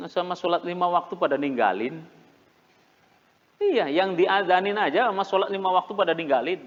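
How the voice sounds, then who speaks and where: A middle-aged man preaching a mosque sermon, animated and storytelling, sometimes laughing and mimicking shouts. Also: medium pitch. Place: mosque hall. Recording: muffled reverberant hall recording.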